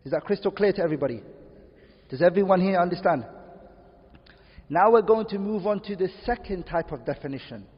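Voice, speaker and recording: A man teaching a class, repeating key terms slowly and checking with questions whether everyone follows. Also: high-pitched, animated, slightly rough. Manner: quizzes students with repeated questions. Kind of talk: classroom lesson. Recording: dull distant audio in echoey room.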